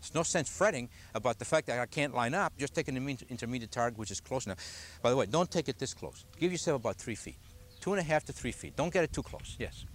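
A distant camcorder captures an older man coaching a golf clinic on a grassy outdoor driving range. Speaking fast and animatedly at medium pitch with few pauses, he patiently questions the group as he explains.

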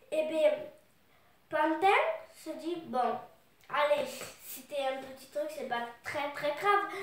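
A woman with a cold tells and reads a children's story in a high, slow voice, stopping often with fillers. She sounds far from the mic in a very echoey room. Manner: loose, halting retelling with fillers. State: has a cold. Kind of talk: retelling and reading a children's book.

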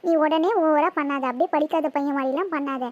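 A high, girlish cartoon voice that rattles along at a fast clip, as a woman plays her. She is a cheeky, bossy schoolgirl who teases the boys without pause. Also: muffled recording, close to an everyday voice. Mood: teasing. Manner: quick, teasing, bossy. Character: chatty teasing schoolgirl Akshaya. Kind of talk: cartoon voice acting.

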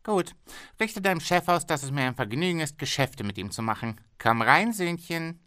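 A high, strained, greedy factory boss frets and schemes in a storybook reading, as a male reader puts him on. His pitch jumps around a lot. The room is dry and close. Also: lively intonation, normal speed, bright, forceful tone, clean tone, dry recording. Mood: scheming. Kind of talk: audiobook reading.

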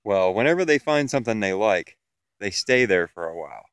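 Low, clear-voiced farmer outdoors. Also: male voice, lively intonation, brisk, dry recording. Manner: plain, matter-of-fact talk. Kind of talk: walking field tour, explaining. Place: outdoors in a pasture. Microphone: camera held while walking.

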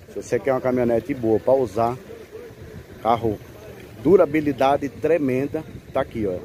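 A Brazilian man, a car broker showing a pickup to viewers in a pitchy sales patter, filming with a handheld phone in an outdoor car fair lot. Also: warm tone. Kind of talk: walkaround car sales video. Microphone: handheld phone camera held by the speaker. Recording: outdoor phone audio with background noise.

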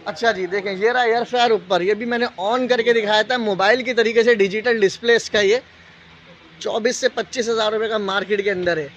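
Male shop seller, Pakistani accent, high voice, off-the-cuff live pitch with repeated prices, dull phone audio. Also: fairly even intonation, a little fast, a bit bright. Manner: repeats prices and tag phrases like a street seller. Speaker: shop salesman hosting a live sale video. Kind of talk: live product sales pitch, casual and unscripted. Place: indoor appliance store, walking the aisles. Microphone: handheld phone.

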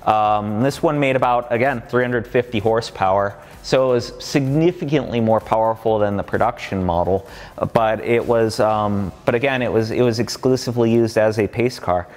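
A man's voice: fairly low pitch, moderate pace, darkish tone. A man in his thirties giving an enthusiastic, fact-packed walkaround as a guide to a company collection, with lots of fillers. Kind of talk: casual walkaround explanation. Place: large underground parking garage. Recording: long garage reverb.

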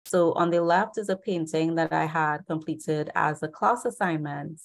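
A young woman from Trinidad and Tobago, giving a friendly, steady online presentation about her art. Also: low-pitched, normal speed, gravelly. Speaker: artist presenter. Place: indoors, video call. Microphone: video call.

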